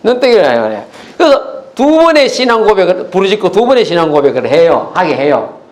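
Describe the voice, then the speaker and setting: Animated high-voiced male pastor preaching. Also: brisk, reverberant. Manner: animated preaching, asks the congregation questions. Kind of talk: sermon. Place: church.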